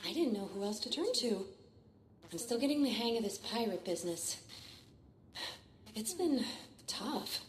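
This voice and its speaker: A woman's voice: fairly high pitch, expressive, measured pace, pauses often. A woman playing an earnest, unsure young pirate recruit in a video game. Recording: roomy echo, faint background noise.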